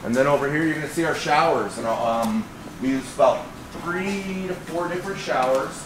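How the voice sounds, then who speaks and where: A middle-aged man guiding a factory tour, talking casually and agreeing often with quick yeps. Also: on the high side, echoey room. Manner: affirming with frequent yeps. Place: large indoor vehicle factory. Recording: noisy factory floor.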